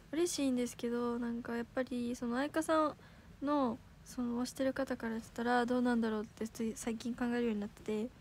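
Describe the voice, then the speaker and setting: A teenage girl with a Kansai accent, hosting a casual livestream, chatty and giggly, reading comments aloud and correcting herself quickly. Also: on the high side, a little mellow, a little hiss or hum. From Osaka, Japan. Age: teens. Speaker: idol livestream host.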